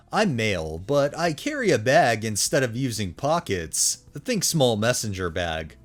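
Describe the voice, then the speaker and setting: A man hosting a story channel, reading online posts aloud with brief commentary of his own. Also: medium pitch. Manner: animated, swinging intonation. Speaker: narrator and host of a story channel.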